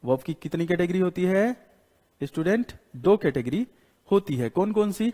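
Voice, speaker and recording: Writing on the board, an Indian-accented man teaches an English class in Hindi, repeating every rule and peppering students with questions. His dark, animated voice sits a bit high for a man, at normal speed, ringing with long hall reverb.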